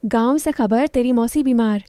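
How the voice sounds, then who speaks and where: A woman voicing an affectionate middle-aged uncle who answers in soft, short replies. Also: fairly high pitch, moderate pace, no echo, close to an everyday voice. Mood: gentle.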